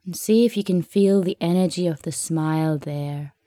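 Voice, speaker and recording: A woman guiding a meditation in a soft, soothing, unhurried way, leaving long pauses between phrases. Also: lowish voice, no echo, clean studio sound. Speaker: meditation guide. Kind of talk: guided meditation narration.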